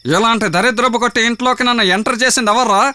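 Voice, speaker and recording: An actor playing a short-tempered comic gang leader, scolding his men in rapid, blustering rants in a dubbed comedy film. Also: very high-pitched, steady tone, full character voice. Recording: film soundtrack with loud score.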